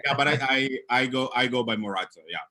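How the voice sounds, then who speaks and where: A man's voice: mid-range voice, fast talker, bright, forceful tone, no echo. A man from Angola, a guest on an online meeting, speaking hesitantly and restarting his phrases. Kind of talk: casual video-call chat. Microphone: video call.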